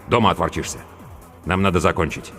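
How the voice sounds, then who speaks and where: A man's voice: sits low, brisk, fairly bright tone. Man doing a curt, commanding squad leader. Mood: stern. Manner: curt, clipped orders. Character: stern, commanding young male squad leader. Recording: long reverb with faint music.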